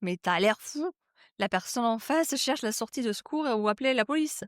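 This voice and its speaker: A woman hosting a podcast in a comic monologue, mocking and animated, swinging between loud punchlines and soft asides. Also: fairly high pitch, moderate pace, dry recording, clean studio sound. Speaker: podcast host.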